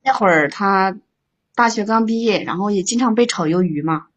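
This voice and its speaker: A woman's voice: medium pitch, normal speed, lo-fi sound. A woman calling into an advice show, telling her own story with stammering repeats. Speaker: caller.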